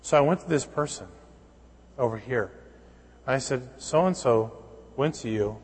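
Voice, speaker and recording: A pastor delivering a sermon, telling stories with acted-out dialogue and building to emphatic points. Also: male voice, mid-range voice, breathy edge, big-room sound. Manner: storytelling with acted dialogue, rising to emphatic preaching.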